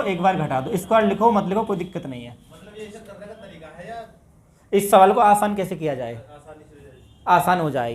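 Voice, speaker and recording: Addressing his students as "bhai", a maths teacher works through problems step by step. He has a north Indian Hindi accent and a high-pitched voice with a darkish tone.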